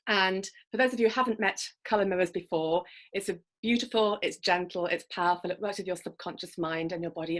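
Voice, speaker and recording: Low-pitched woman leading guided relaxation. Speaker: host of guided colour visualisation sessions.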